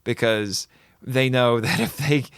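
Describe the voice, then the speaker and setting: A man hosts a casual podcast chat, talking eagerly in quick bursts with the odd small laugh. His voice sits at an ordinary middle pitch. The recording is dry and close to the mic. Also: a bit bright, smooth, no room sound. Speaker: podcast host. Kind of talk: casual chat about films.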